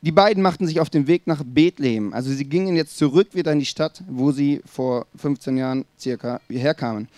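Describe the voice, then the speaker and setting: A man's voice: fairly high pitch, a little fast, few pauses, a little mellow, dry recording. A man preaching a sermon, speaking emphatically and addressing the listener directly with rhetorical questions.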